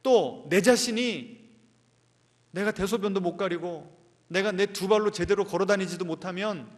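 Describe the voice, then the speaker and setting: A man's voice: high voice, normal speed. A man preaching a Sunday sermon as a pastor, asking the congregation questions and answering them, and acting out inner voices. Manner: acts out inner voices in quotes. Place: church sanctuary. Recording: long hall reverb.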